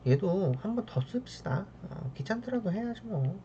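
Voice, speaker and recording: Working through math problems, a woman teacher speaks at normal speed in a mellow, medium-pitched voice with big swings in pitch. After each step she checks in with a tag question, talks directly to the terms, and sighs under her breath in boredom, all on a dull lo-fi recording with faint background sound.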